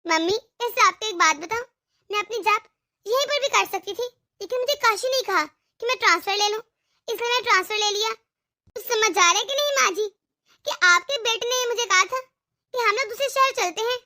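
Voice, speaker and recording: A woman's voice: very high-pitched, normal speed, sharp tone. A woman voicing a bold, demanding young working wife in a cartoon, with a bossy manner. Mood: smug. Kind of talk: cartoon voice acting.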